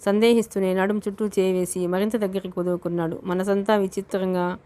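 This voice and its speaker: Steady woman narrating a novel. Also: medium pitch, fast talker. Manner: steady, even reading. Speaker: audiobook narrator.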